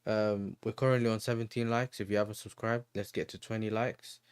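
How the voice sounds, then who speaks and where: A man's voice: on the low side, fairly even intonation, a little fast, clean tone, dry recording, clean studio sound. A young man hosting a casual football chat, full of slang and frequent laughter. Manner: laughs often, slangy banter. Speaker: host.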